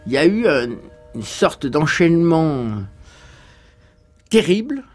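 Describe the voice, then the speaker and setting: A man's voice: fairly high pitch, sing-song, takes it slowly, a little mellow, faint music behind. Man recounting events hesitantly. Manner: hesitant, many fillers and restarts. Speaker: interviewed guest. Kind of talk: documentary interview.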